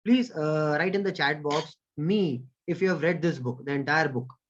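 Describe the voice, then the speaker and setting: A man's voice: a little high, extremely slow, dull audio. A man with an Indian accent running an online communication training, mixing Hindi and English and thanking chat participants by name. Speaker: corporate trainer. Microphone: video call.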